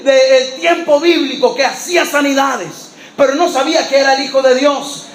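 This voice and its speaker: Pastor de voz muy aguda predicando. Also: male voice, very high voice, a little hiss or hum. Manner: lively storyteller, acting out voices, often shouting. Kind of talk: sermon storytelling. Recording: echoey church hall with faint ambience.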